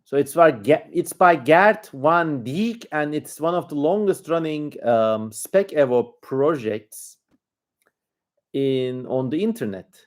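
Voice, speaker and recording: A man's voice: on the high side, lively intonation, slow pace. A man with a Turkish accent hosting a livestream, giving casual commentary in an informal, rambling way as he thinks aloud. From Turkey. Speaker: livestream host.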